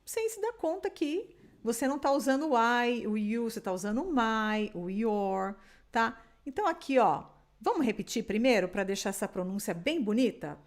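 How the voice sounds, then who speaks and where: A woman from Brazil teaching an English lesson in Portuguese, patiently drilling words slowly for the listener to repeat. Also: a little high, lively intonation. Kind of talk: online language lesson.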